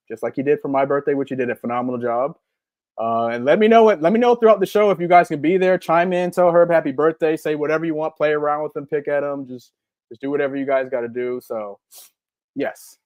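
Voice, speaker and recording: A podcast co-host in his 40s goes through live-stream chat comments, upbeat and rambling, with plenty of ums and repetitions. His mid-range voice has a darkish tone, and the recording is dry.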